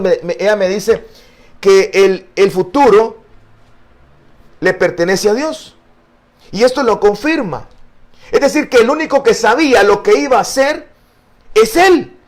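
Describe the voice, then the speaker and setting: A man's voice: sits high, normal speed. A male pastor teaching a Bible study, earnest and explanatory, with frequent fillers and repeated words. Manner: addresses listeners as brother.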